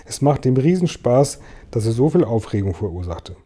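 Man with a very dark voice reading a story. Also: medium pitch, moderate pace, breathy edge. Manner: lively storytelling. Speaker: audiobook reader. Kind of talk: reading a children's book aloud.

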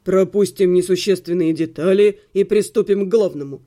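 A grumpy young male necromancer in a homemade storybook reading, voiced by a woman narrator. His lines come out gruff, terse and sulky, pitched well below her own voice. The tone stays mellow and soft-edged. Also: normal speed, natural voice. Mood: grumbling. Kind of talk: audiobook character voice.

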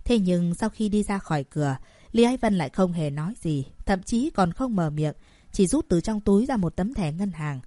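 A woman narrating an audiobook in a steady storytelling manner. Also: fairly low pitch, normal speed, no echo. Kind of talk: scripted narration.

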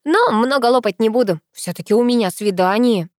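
A woman's voice: fairly high pitch, lively intonation, a little fast, no echo, studio quality, pitched above the performer's own voice, natural voice. Woman doing a brash teenage sister. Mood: brash teasing. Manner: loud, mocking, slangy.

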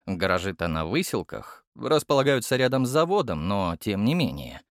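Male audiobook narrator, expressive storytelling, lively pitch, dry close sound. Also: normal speed, no echo. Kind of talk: scripted narration.

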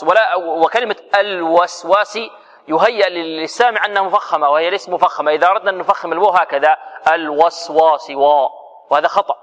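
Questioning tajweed teacher in a reverberant hall. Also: male voice, on the high side, a bit bright. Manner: quizzing students, then answering and demonstrating sounds. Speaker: Quran recitation teacher. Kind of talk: tajweed lesson to students. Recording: muffled lo-fi recording with long hall reverb.

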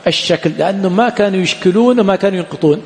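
A man teaching a classroom lecture on hadith sciences, repeatedly pausing to quiz his students on the next word. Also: high-pitched, big-room sound. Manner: quizzes students with repeated "what?" prompts. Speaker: Islamic studies teacher. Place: lecture hall at a study center.

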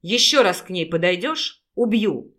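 A woman's voice: fairly high pitch, sing-song, normal speed, a bit bright. A woman voicing a brash, cocky, strong young man who threatens an attacker and then teases a girl in an audiobook. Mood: menacing. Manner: growling, smug, teasing. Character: brash cocky male rescuer, strong and smug.

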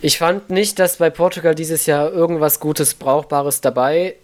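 A man's voice: a little high, steady tone, moderate pace. A man co-hosting a podcast in casual chat, stating his opinions frankly. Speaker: podcast co-host.

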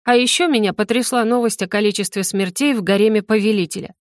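A woman reading first-person audiobook narration in an even, measured way. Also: mid-range voice, no room sound, studio quality. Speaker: audiobook reader.

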